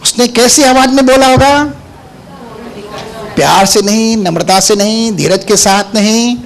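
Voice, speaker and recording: A man's voice: very high voice, gravelly, a bit bright. A male pastor preaching a sermon, firing rhetorical questions at the congregation and hammering points home with repetition. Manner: emphatic repetition.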